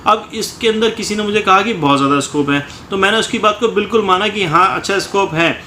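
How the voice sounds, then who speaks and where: High-voiced man teaching in an echoey room. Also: quick pace, bright, forceful tone. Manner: talks in repeated short phrases, often ends with "ठीक है". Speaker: coaching teacher. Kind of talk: motivational talk to students. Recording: echoey room, faint ambient noise.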